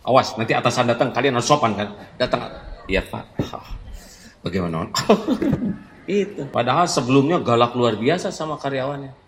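A man's voice: medium pitch, lively intonation, brisk, slight background noise. A man giving a sermon in a conversational, teasing way, acting out everyday examples. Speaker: Islamic preacher. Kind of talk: sermon to a congregation. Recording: echoey hall, faint ambience.

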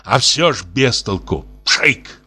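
A man's voice: medium pitch, animated, slow, sharp tone, slightly rough, full character voice. A man puts on a heavy, bald drunkard in a storybook tale. He grumbles and sulks in a whiny voice that rises and falls a lot, always complaining that nothing works. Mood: confiding.

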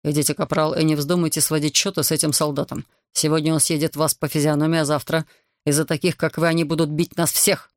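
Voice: medium pitch, level tone, fast, dry recording, lightly acted. A reader voicing a stern, authoritative male army major who reprimands a corporal in an audiobook. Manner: commanding, clipped. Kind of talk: audiobook character voice.

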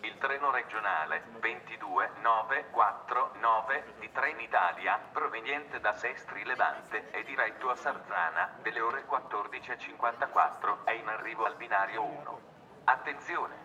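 A man giving formal, clipped train station announcements over a station loudspeaker. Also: lowish voice, normal speed, highs cut off. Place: outdoor railway platform. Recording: loudspeaker with clear background noise.

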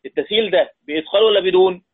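Egyptian male Quran teacher, higher voice, thin phone-like audio, repeats and quizzes the class. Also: racing. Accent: Egyptian Arabic. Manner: repeats points, quizzes listeners, draws out recited words. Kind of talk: classroom lesson. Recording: tinny phone-like sound.

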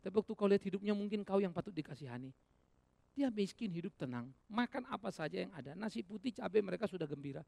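A male pastor preaching a sermon, swinging between loud exhortation and hushed asides, with many rhetorical questions to the congregation. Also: high-pitched, expressive, fast, gravelly, no room sound.

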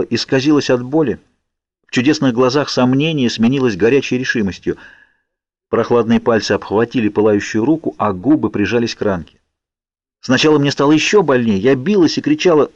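A man narrating an audiobook in a slow, measured reading, close to a studio mic. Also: medium pitch, darkish tone, no room sound. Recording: dry, dull lo-fi sound.

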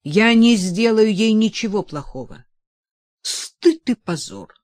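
A woman's voice: on the low side, lively intonation, measured pace, darkish tone, dry recording, clean studio sound. A woman reading the lines of an indignant middle-aged male senator in an audiobook, with emphatic delivery.

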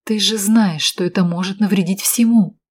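A woman reading an audiobook, voicing a cool, calculating woman who speaks in a calm, measured and insistent way. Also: medium pitch, natural voice. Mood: cold, insistent. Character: cool, calculating woman, steady under pressure.

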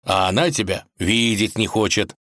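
A man's voice: fairly low pitch, normal speed, fairly bright tone, no echo, studio quality, natural voice. A man voicing a cunning, self-important male wolf who speaks slyly and commandingly in a fairy tale. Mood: scheming. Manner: sly, commanding, self-assured.

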